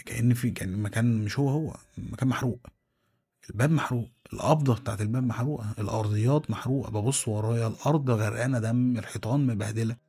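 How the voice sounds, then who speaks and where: Gravelly fast-talking Egyptian storyteller. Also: male voice, on the low side, darkish tone. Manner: tense, dramatic, with repeated restarts. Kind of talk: first-person horror storytelling.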